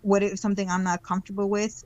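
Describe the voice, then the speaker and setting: A woman's voice: medium pitch, level tone, fast, darkish tone, lo-fi sound. A woman in her twenties, a podcast guest, speaking reflectively and hesitantly, with many ums and restarts. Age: 20s. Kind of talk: casual conversational interview.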